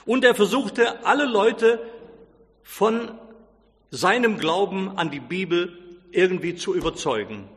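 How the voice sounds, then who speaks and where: A man's voice: sits high, lively intonation, a little slow, fairly bright tone, in a large hall. A man preaching, telling a story in a sermon and acting out the characters' quoted lines with feeling.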